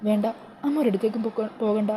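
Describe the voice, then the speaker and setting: A woman's voice: mid-range voice, little pitch movement, fast talker, mellow, slight background noise, close to an everyday voice. A woman voicing a young woman who pleads with her mother in tears, in a retold TV serial. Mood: tearful pleading. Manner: pleading, distraught.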